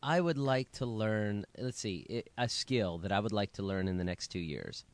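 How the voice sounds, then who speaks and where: Joking man in his thirties, lowish voice. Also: normal speed, no room sound. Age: 30s. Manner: joking, teasing, playful. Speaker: podcast co-host, pastor. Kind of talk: casual chat.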